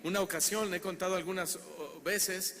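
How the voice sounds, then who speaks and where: Male Mexican pastor, fairly high voice; animated sermon with questions to the congregation; church hall reverb. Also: moderate pace. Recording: reverberant hall, faint background noise.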